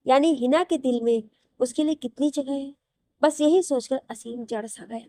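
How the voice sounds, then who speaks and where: A woman narrates a romantic audio story in a dramatic storytelling manner. Her voice sits on the higher side, and the sound is close and dry with no room around it. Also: moderate pace, dark tone, no echo.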